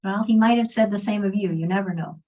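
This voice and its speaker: A woman's voice: mid-range voice, fast talker, mellow, rough recording. Upbeat woman library interviewer. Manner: upbeat, asks prepared questions. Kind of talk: friendly author interview. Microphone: video call.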